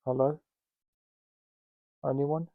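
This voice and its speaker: With a Russian accent, a man teaches founders in a casual spoken lesson, joking and poking fun at himself in loose asides. His medium-pitched voice is flat, and he halts often, restarting sentences and using fillers. The audio is narrow, tinny, and very noisy.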